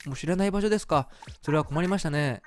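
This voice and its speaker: A man voicing a polite, timid young female DJ from a video game, soft-spoken and courteous. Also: on the high side, fast talker, a little hiss or hum, lightly acted.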